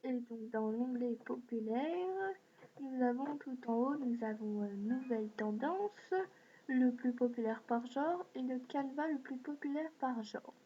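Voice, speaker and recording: Hosting a screen-recorded walkthrough of an app, a woman speaks in a high voice at a slightly slow pace. Her delivery is hesitant and full of fillers, and the dull lo-fi mic adds a faint hiss.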